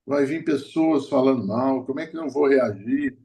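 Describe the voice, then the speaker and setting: Man preaching with storytelling warmth. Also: mid-range voice, normal speed. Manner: storytelling, hesitant restarts, laughing at own stories. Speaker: prophet preacher. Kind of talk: sermon.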